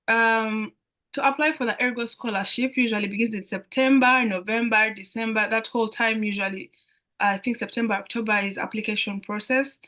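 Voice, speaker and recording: Her voice is medium-pitched and sharp: a young Ugandan woman, accent intact, serving as an international student guest on a live online Q&A. A young adult, she explains things while often repeating her phrases.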